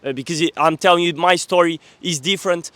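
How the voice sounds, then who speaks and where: Man in his 20s with a high-ish, dry voice; fierce, earnest motivational vlogger who swears casually. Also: fairly even intonation, fast talker, sharp tone, no echo. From Portugal. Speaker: young entrepreneur, vlogger. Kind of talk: motivational monologue to camera.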